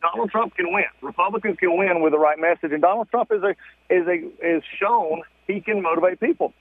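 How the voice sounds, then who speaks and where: A man talks fast and emphatically on a muffled phone line that sounds like it comes from inside a tunnel. His voice sits fairly high for a man, and the sound is dry and dull. He is calling in from a parked car. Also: no room sound. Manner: fast, emphatic, frequent restarts. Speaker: radio show guest calling in. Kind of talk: political radio call-in. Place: car stopped at the roadside.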